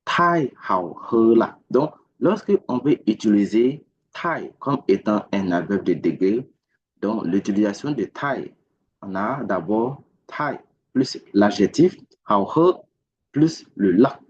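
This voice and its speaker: A man's voice: on the low side, expressive, slow, slightly rough. A man teaching a recorded language lesson, patiently repeating each word and explanation. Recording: dull lo-fi recording.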